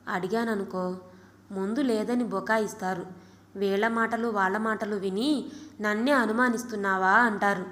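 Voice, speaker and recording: A woman reading the part of a calm middle-aged wife who reasons through her options in a measured way. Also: mid-range voice, close to an everyday voice. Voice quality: measured, reflective. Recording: long reverb.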